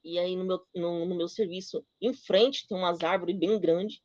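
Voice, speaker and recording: A middle-aged woman giving a personal testimony at church, telling her story with emotion and halting with many fillers. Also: lowish voice, steady tone, a little mellow, no room sound, lo-fi sound.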